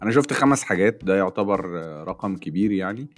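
A man's voice: sits low, expressive, fast, soft background music. A man with an Egyptian Arabic accent, chatting casually as a podcast co-host and mixing in English phrases. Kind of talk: casual chat between friends.

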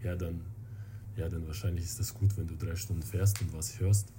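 Chatting informally as an interview guest, a man whose first language is Russian gropes for words in accented, non-native German. He has a low voice with little pitch movement, and noise can be heard behind him.

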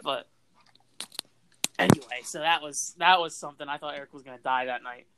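A young man hosting a podcast, telling stories among old friends with frequent laughter and animated asides. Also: on the high side, a little fast, very noisy. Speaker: podcast host.

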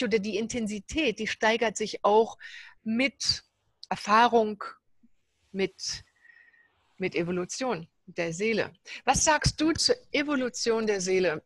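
A woman's voice: fairly high pitch, a bit bright, no echo. A woman host reflecting at length and asking her guest thoughtful questions. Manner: thoughtful, asks in long reflective runs. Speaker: interviewer, host. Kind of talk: spiritual interview conversation.

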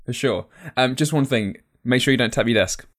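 A man's voice: medium pitch, a little fast, fairly bright tone. A man hosting a podcast in a casual, informal and chummy way. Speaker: podcast host.

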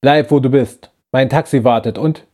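In a science-fiction audiobook, a man voices a bitter rebel who betrayed his old friend, speaking urgently and reproachfully. His mid-range voice is natural and dark in tone, at a normal speed.

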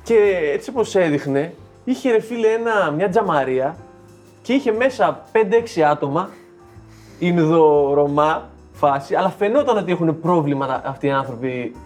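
A man's voice: on the high side, soft background music. A young man telling stories animatedly in a casual chat among friends. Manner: animated storyteller.

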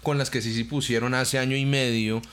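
A man's voice: mid-range voice, level tone, a little fast, a bit bright, clean tone. A man in his thirties with a Colombian accent, co-hosting a casual podcast chat, crude and slangy, restarting his sentences often. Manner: crude slang-heavy banter, many restarts. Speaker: podcast co-host.

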